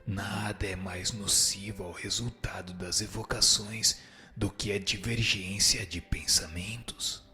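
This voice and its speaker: This radio-drama spirit, solemn and instructive, is played by a man with a Brazilian accent who answers in formal speech. He speaks on the low side at a measured pace, with a steady tone and only light acting, over background music.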